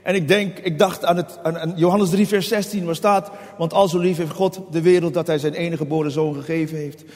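Man, preacher, sermon, high voice, impassioned, reverberant hall. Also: steady tone, brisk, few pauses, a little mellow. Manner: impassioned, acts out prayers in a raised pleading voice.

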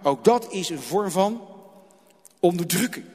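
Very high-voiced man preaching in a hall. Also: expressive, measured pace, breathy edge, faint music behind. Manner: dramatic, repeats phrases, swings between loud and hushed. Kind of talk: sermon. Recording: long hall reverb.

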